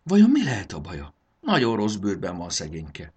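A man voicing a kind little fairy girl who fusses gently over a sick creature. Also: sits low, huge pitch swings, slightly rough, full character voice. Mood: worried.

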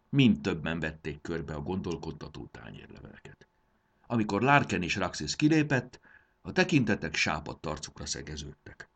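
A man narrating a fantasy audiobook with expressive storytelling. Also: low-pitched.

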